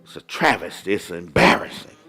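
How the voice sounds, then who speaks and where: A man's voice: deep voice, animated, sharp tone, husky. A man preaching a sermon as pastor of a church, calling out and drawing out his words. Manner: preaching with rising calls and drawn-out words.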